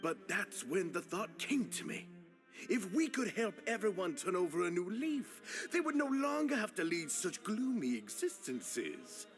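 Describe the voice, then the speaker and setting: A man's voice: sits high, sing-song, measured pace, faint music behind. A man playing an earnest, courteous society leader with a Southern US accent and a drawl.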